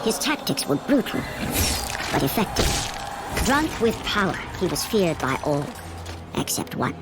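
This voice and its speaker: A woman's voice: lowish voice, very animated, a little slow, over loud music. A woman playing a grave, all-knowing narrator of ancient myth in a dramatic, scripted video game narration.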